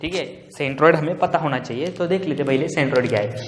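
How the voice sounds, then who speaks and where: A male teacher lectures, asking his students rhetorical questions and checking in with "ठीक है" again and again. His voice sits slightly high. The recording is roomy, with a long trailing reverb. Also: fast, a little hiss or hum. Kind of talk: classroom lecture. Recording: echoey room, long reverb.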